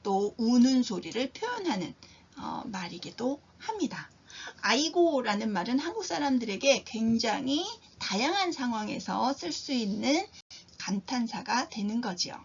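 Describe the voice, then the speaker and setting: Husky-voiced woman teaching a language lesson. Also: on the high side, unhurried, lo-fi sound. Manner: acts out sample exclamations with lively emphasis. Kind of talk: explaining lesson.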